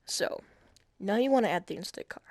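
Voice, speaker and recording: A man's voice: high voice, expressive, fairly quick, dry recording. A man talking through a casual screen-recorded game tutorial, hesitant and self-deprecating, with many fillers and restarts.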